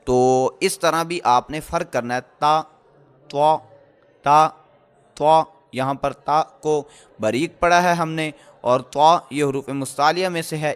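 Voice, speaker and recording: A man teaching tajweed in a recorded lecture, explaining slowly with many pauses and fillers and sounding out letters again and again. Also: on the high side. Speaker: Quran recitation teacher.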